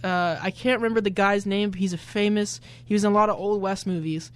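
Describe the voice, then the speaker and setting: A man in his twenties hosts a college radio show, talking at a quick clip. He rambles casually through his points and fills the gaps with ums and uhs. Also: sits high, fairly even intonation, clean tone. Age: 20s. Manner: rambling with many fillers. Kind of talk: casual chat.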